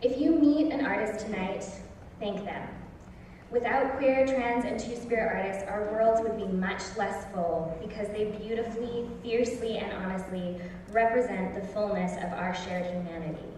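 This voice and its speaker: A woman's voice: medium pitch, moderate pace, darkish tone, slight background noise. Impassioned woman giving a speech in a hall. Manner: earnest and impassioned, with stresses on key words. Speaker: festival host. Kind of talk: prepared opening speech. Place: large theatre stage. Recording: echoey hall recorded from far off.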